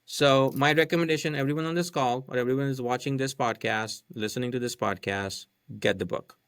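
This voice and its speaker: He's a podcast guest, not a native English speaker, casually laying out a marketing method step by step and repeatedly checking in with "right?". His mid-range voice is steady, brisk, a bit bright and clean in tone. It's recorded in studio quality without echo.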